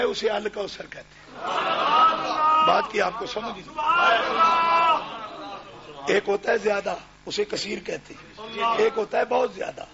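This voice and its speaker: A man preaching a fiery religious sermon, shouting and now and then chanting verses in a sung tone. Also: sits high, gravelly. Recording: dull lo-fi recording with crowd.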